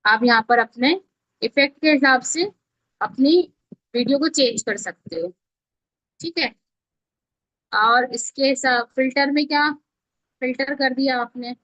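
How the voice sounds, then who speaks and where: Speaking a little slowly with long pauses, an Indian-accented woman teaches video editing in a casual, step-by-step online class, often asking whether learners are keeping up. Her high voice is a bit bright, with no room sound, though the lo-fi class audio sounds dull.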